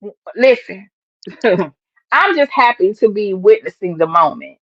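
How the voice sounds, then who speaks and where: Hosting her own casual live stream, a woman sports fan chats emphatically and talks right to her viewers. Her mid-range voice is animated yet measured in pace, recorded dry with dull lo-fi stream quality.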